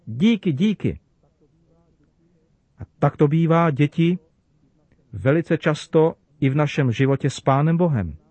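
Gentle man telling a children's sermon. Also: on the high side, dry recording, highs cut off. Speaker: preacher speaking to children.

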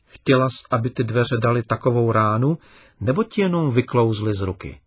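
A man's voice: medium pitch, breathy edge, no echo, natural voice. A man playing a kind, patient father. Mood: gentle. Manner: calm, kindly explaining, lively emphasis.

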